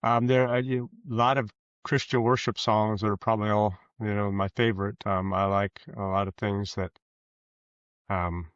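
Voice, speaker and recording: A lowish, level voice belongs to an American man in his sixties from rural Kansas, a former police officer and author appearing as an interview guest. He answers casually in a hesitant, halting way with folksy phrasing. The recording sounds roomy, dull and lo-fi.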